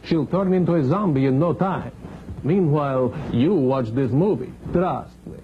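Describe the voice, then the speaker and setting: A man's voice: on the high side, a little slow, natural voice. A man playing a pompous old vampire baron as a campy horror host, theatrical and mock-sinister, delivering puns. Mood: ghoulish relish. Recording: dull, hissy vintage 1970s TV tape.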